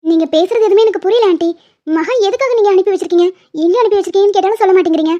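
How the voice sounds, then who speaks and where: A woman doing a sharp-tongued, sarcastic young college girl in a cartoon, voice pitched up very high and rattling along fast, mellow tone, with a slightly dull lo-fi sound. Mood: pleading.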